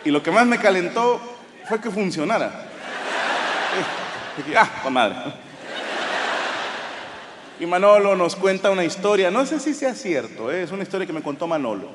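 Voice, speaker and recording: Profane Mexican stand-up comedian, high voice. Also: male voice, normal speed. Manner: profane, animated storytelling. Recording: live hall with crowd and noise. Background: audience laughter and murmur.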